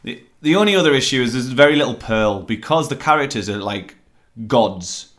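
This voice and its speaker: A man's voice: medium pitch, expressive, fairly quick, a bit bright. A man hosting a casual film review chat, rambling and hesitant with lots of fillers. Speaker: film reviewer, podcast host.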